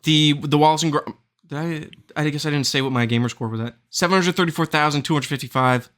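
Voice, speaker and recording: A man's voice: a little high, fast talker, fairly bright tone. A man hosting a gaming podcast in casual chat, rambling and searching for words. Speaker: podcast host.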